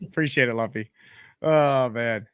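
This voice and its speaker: A man's voice: medium pitch, measured pace, clean tone, no echo, highs cut off. A man hosting a live sports call-in show.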